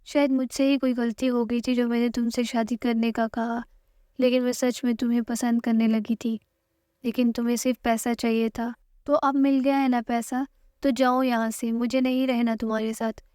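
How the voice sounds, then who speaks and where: A woman's voice: on the high side, little pitch movement, warm tone, no room sound, studio quality, close to an everyday voice. Woman reading a bitter young wife. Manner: plain read-aloud quote.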